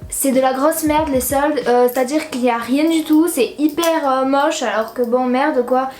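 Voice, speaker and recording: A woman's voice: high-pitched, normal speed, a little mellow, reverberant, soft background music. A teenage girl from southern France chatting casually in a haul vlog, rambling and slangy with lots of fillers. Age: teens. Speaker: YouTuber.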